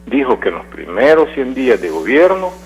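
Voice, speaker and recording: A man's voice: mid-range voice, sing-song, fairly quick, slightly rough. A man phoning in to a radio show who speaks in an earnest, hesitant way with fillers. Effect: phone-line call-in voice on air. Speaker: radio call-in caller. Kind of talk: phoned-in opinion. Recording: dull phone line.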